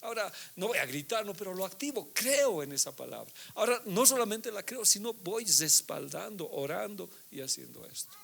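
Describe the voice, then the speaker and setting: Middle aged guy pastor doing a sermon, kinda higher voice, gravelly, talks to the congregation like a chat. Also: sing-song, normal speed, hardly any pauses, a bit bright. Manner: conversational preaching, frequent tag questions.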